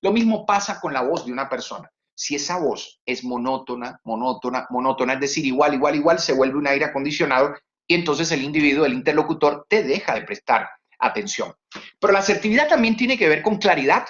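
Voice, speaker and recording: Speaking briskly, a communication trainer lectures in a webinar, lifting and dropping his voice to illustrate tone and repeating words for emphasis in an animated style. The audio has its highs cut off.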